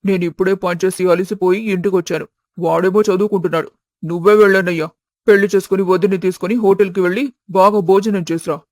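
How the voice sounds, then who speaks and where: A woman's voice: mid-range voice, fairly even intonation, fast, darkish tone, dry recording, studio quality, voice pushed down, close to an everyday voice. A woman voicing a cheeky, mocking younger brother in a storybook tale. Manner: mocking, playful. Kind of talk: storybook voice acting.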